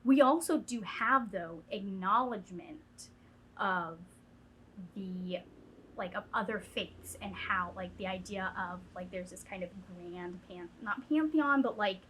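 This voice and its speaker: A woman with a hoarse, raspy voice after losing it to illness, chatting casually at home as a book reviewer, rambling with many fillers and restarts. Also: medium pitch, a little slow, fairly bright tone, a little hiss or hum. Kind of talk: casual vlog chat. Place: at home with a ring light.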